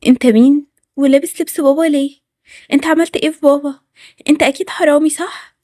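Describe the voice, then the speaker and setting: A woman's voice: high-pitched, steady tone, quick pace, a little mellow, no echo, studio quality, close to an everyday voice. A woman with an Egyptian accent voicing an earnest young girl who learns her father is a thief, in a Toca Boca story. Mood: shocked. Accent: Egyptian Arabic.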